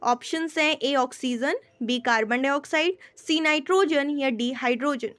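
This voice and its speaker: A woman with an Indian accent going through general knowledge questions as a teacher, mixing Hindi and English, often checking that students follow and slowing down to read each question. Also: high voice, a bit bright. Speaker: quiz teacher. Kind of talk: explaining quiz answers.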